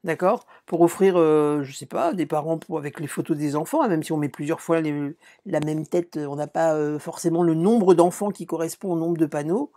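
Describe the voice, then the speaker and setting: A woman's voice: low voice, steady tone, a little fast, few pauses, warm tone. A middle-aged woman from France hosting a live craft stream, chatting casually, answering viewers and showing her work, with many fillers and restarts.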